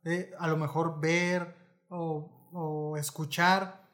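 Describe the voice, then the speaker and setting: A man hosting a casual chat, asking halting questions full of fillers. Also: on the high side, flat delivery, fairly bright tone. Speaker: podcast host.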